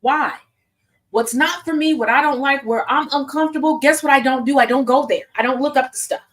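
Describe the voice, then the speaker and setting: A woman's voice: sits high, fairly quick. A woman hosting a casual commentary show in a sassy way, often breaking into laughter. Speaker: host.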